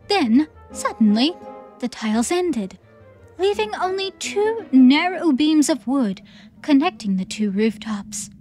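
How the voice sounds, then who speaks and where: A woman with a high voice reads scripted story narration for a theatrical audiobook, expressive and measured.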